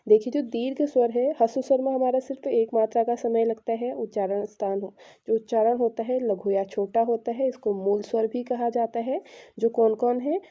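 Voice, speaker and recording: A woman's voice: a little high, fairly even intonation, normal speed, highs cut off. A woman teaching an exam-prep lesson, explaining patiently and answering her own questions.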